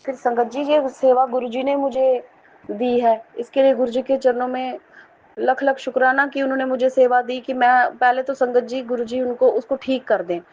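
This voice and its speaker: A middle-aged woman from Jammu earnestly telling a devotional testimony, often pausing to address her listeners respectfully. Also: high-pitched, little pitch movement, darkish tone. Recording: dull lo-fi recording with faint noise.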